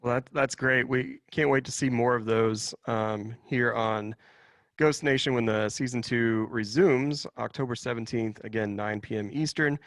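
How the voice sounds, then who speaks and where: A man's voice: mid-range voice, steady tone, normal speed, no room sound, studio quality. A man hosting an interview podcast, easygoing as he wraps up and thanks his guests. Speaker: podcast host.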